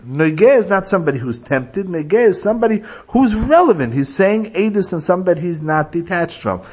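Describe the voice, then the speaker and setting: Husky-voiced man teaching a religious class. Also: sits high, expressive, fairly quick, a little mellow. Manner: explanatory, tells illustrative stories. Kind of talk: religious lecture with storytelling.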